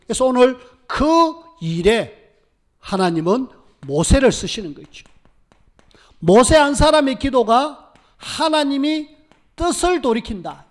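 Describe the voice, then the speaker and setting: A man's voice: very high-pitched, expressive, a little slow, pauses often. A male pastor preaching a sermon, who acts out the prayers of biblical figures with emphatic, rising delivery.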